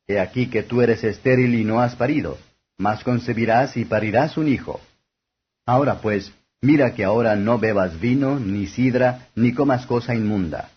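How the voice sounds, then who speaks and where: A man reading scripture aloud as formal, scripted audiobook narration, with a husky voice. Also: fairly low pitch. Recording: dull lo-fi audio.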